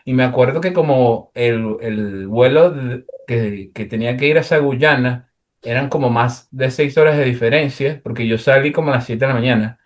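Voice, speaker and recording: A man's voice: medium pitch, normal speed. A young man from Venezuela, casually and animatedly telling a travel story as a guest, with plenty of fillers.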